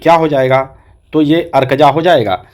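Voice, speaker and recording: A man's voice: a little high, steady tone, normal speed, darkish tone. A man teaching a Hindi exam-prep class, repeating each answer back as a question to his students.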